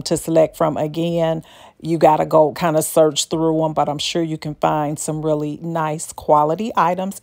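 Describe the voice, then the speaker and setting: An older woman with a low voice and a gravelly edge talks her way through a furniture outlet. Her narration is casual and homespun, full of folksy asides, as if shared with a friend. It is picked up on a handheld phone while she walks. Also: mellow. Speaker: shopping vlogger.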